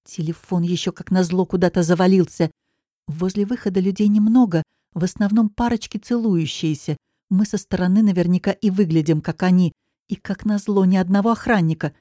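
A woman narrates a first-person novel expressively, with a lowish, mellow, warm tone. The recording is dry and close, with no room sound at all. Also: brisk, dry recording. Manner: dramatic, expressive storytelling. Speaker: audiobook narrator.

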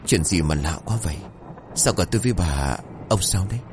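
A man's voice: sits low, animated, brisk, a little hiss or hum. A man voicing an uneasy older husband talking hesitantly at night in a horror story. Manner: hushed, hesitant.

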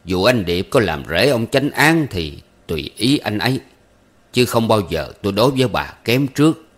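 An unhurried, measured older gentleman, as a male narrator plays him, speaking in a lowish voice with a cool, mildly ironic calm.

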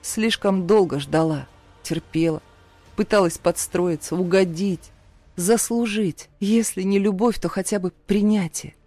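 A woman's voice: mid-range voice, a little slow, warm tone, no room sound, faint music behind. A woman reading a first-person story as an audiobook narrator, in a dramatic, emotional storytelling manner.

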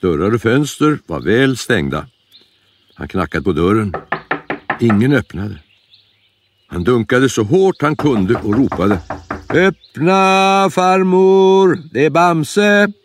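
A man narrating a children's storybook in an animated, expressive way. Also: on the low side, pauses often, slight background noise.

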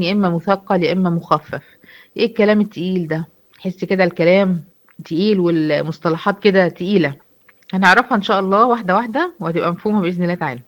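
A woman with an Egyptian accent gives a brisk online lesson, moving quickly through her points. Her voice sits in a middle range. She keeps asking the class questions and answering them herself. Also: medium pitch, lo-fi sound. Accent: Egyptian Arabic. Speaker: Quran recitation teacher. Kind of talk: online lecture.

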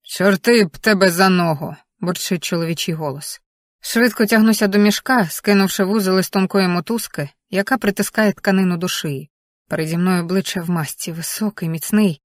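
A woman's voice: mid-range voice, moderate pace, no echo, clean studio sound. A woman reading a first-person story aloud as an audiobook narrator, in a tense, vivid present-tense manner.

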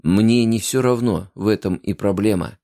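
A man playing a weary grown man who answers slowly and sullenly. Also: lowish voice, darkish tone, no room sound, clean studio sound, natural voice. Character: weary grown man, town protector, calm lover.

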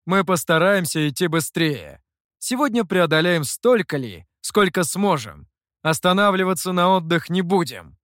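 A man voicing a stern, menacing dark master who speaks in a threatening way in an audiobook. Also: high-pitched, expressive, normal speed, no echo, clean studio sound. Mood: firm.

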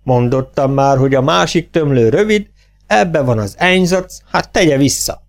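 A man voicing an unflappable male stage technician who speaks calmly and solemnly from high above. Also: gravelly. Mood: lofty. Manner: calm, solemn, lofty.

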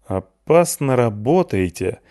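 A man voicing a cautious, blunt senior Soviet scientist who warns loudly. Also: mid-range voice, big pitch swings, slow pace, no echo, clean studio sound. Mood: blunt warning. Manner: loud, blunt, angry warnings.

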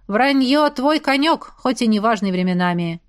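A woman's voice: on the high side, expressive, normal speed, clean tone, no echo, clean studio sound, natural voice. A woman doing a sardonic, condescending friend. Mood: mocking. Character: mocking young man, the brothers' sardonic friend.

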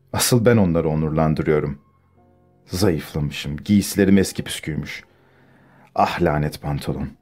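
A man's voice: low-pitched, warm tone. A man reading a novel aloud as an audiobook, acting out the dialogue with shifting tone. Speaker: audiobook narrator.

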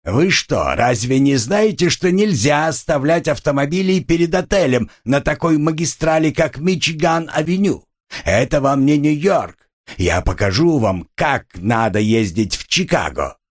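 Huge gruff policeman, scolding, loud emphatic bursts, drawn-out words, wide swings in tone, voiced by a male reader. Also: on the high side, lively intonation, voice pushed up.

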